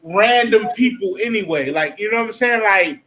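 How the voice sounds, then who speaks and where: A man co-hosting a casual gossip chat, slangy and quick to laugh, repeating his points. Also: high-pitched, expressive, pushed and bright.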